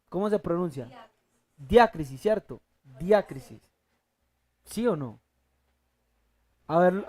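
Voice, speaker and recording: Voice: mid-range voice, darkish tone. Preacher quizzing the congregation mid-sermon. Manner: asks the congregation fill-in questions, repeats key words slowly; halting restarts, thinking aloud. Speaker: preacher teaching a Bible class. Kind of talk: church teaching sermon.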